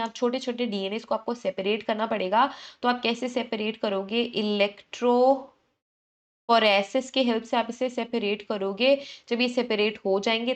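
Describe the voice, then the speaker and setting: A woman teaching an exam revision lecture, explaining briskly, often checking in with the class and correcting herself as she goes. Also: a little high. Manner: brisk, repeats "ठीक है" to check in, self-correcting; mixes English terms into Hindi explanation.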